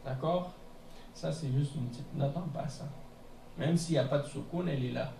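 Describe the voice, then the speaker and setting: A man teaching a beginners' class in a mosque classroom, explaining patiently and repeating words slowly, often checking with "hein?". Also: on the high side, creaky, dark tone. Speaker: Arabic teacher. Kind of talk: classroom lesson. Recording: echoey room from a distance, faint noise.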